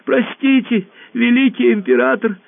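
A man voicing a small, frightened talking ball that squeaks and pleads in a high, thin voice. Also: normal speed, creaky, full character voice. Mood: pleading. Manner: pleading, desperate. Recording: tinny phone-like radio audio.

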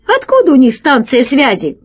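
A woman's voice: wildly swooping pitch, moderate pace, husky, heavily acted. A woman doing a whiny, greedy space pirate. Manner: pleading, higher and whinier than the narration. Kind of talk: storybook reading.

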